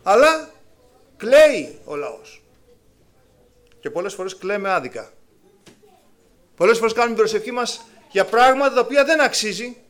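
A man preaches an animated sermon to his congregation, acting out the voices of biblical figures with sudden rises and drops. His voice is high-pitched, and he pauses often.

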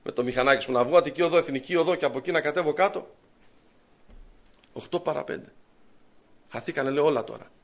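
A high-pitched man delivering a sermon. He moves between quiet storytelling and fervent, rising prayer. He addresses his listeners directly as he preaches. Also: long pauses. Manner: storytelling, acting out his own inner voice.

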